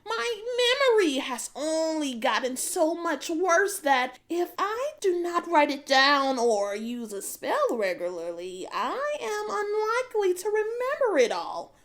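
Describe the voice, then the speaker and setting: A gentle, weary old witch, as a woman plays her in a fairy-tale audio drama. She speaks softly in a high, lilting voice that rises and falls widely. Every word comes slow and considered. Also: sing-song, exaggerated voice. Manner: soft-spoken, slow, lilting.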